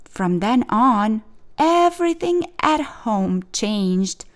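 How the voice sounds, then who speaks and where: Her pitch fairly high and her pace slow, a woman narrates a children's picture book. She reads like a storyteller, expressive and clearly phrased.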